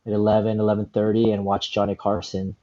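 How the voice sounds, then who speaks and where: A man in his forties, a stand-up comedian, telling stories in a relaxed, rambling way with lots of "you know" and "like". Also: fairly low pitch, fast talker, dull audio. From Southern California, USA. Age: 40s. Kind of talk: casual interview storytelling.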